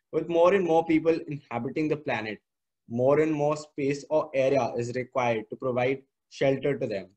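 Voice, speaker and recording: A man's voice: on the high side, darkish tone, low-quality recording. A teenage male student with an educated Indian English accent, giving an earnest, formal slide presentation. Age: teenager, about 16 or 17.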